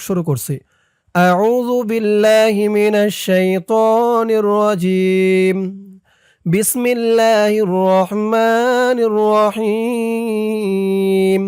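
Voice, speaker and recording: A man teaching recitation, explaining quickly and then chanting each word slowly, letter by letter. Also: on the high side, dark tone, no room sound, clean studio sound. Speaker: Arabic pronunciation teacher. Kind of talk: recitation lesson, spelling out letters.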